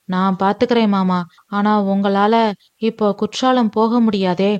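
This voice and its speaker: A woman voicing a kind, easygoing young husband who talks in a relaxed, friendly and reasoning way in an audio love story. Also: medium pitch, a little slow, clean tone, lightly acted. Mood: explaining. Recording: dull, dry lo-fi recording.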